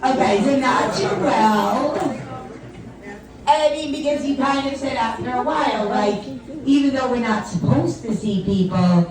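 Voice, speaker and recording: A slightly slow, highish female voice comes from a distance. The stand-up, from the tri-state area and sounding older than she really is, teases listeners in a chatty, self-mocking way. The venue is reverberant, with the audience laughing and talking.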